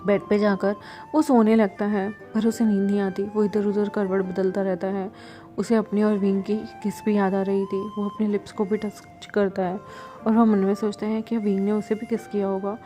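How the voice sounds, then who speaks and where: Mellow-voiced woman storyteller. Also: medium pitch, flat delivery, normal speed, faint music behind. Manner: chatty, conversational asides. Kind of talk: casual story narration.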